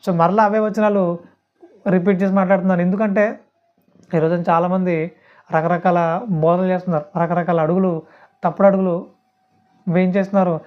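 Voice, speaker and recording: Male preacher, rapid sermon delivery, emphatic and repetitive, dull lo-fi sound. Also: high-pitched, flat delivery. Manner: repetitive, emphatic, rhetorical questions. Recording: dull lo-fi recording.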